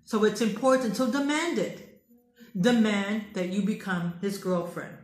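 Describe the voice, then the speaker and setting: A woman's voice: mid-range voice, animated, unhurried, a little mellow. An American woman speaking as a dating coach, giving emphatic, preachy advice and repeating her phrases for emphasis. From United States. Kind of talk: direct advice monologue. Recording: roomy echo.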